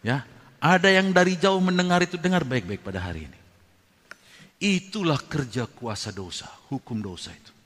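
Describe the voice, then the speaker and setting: A high, lively male voice with a lilt, preaching to his congregation in a bright, sharp tone. He swings between loud emphatic bursts and low murmured asides. The sound rings with the long reverb of a large church hall. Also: normal speed. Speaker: pastor. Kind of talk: sermon.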